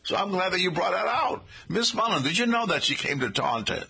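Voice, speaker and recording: An older man hosting a casual interview. He sounds forceful and a little husky, and he keeps praising his guest's answers with encouragement. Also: sits high, sing-song, a little fast. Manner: warm, encouraging questioner who praises answers. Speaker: talk show host.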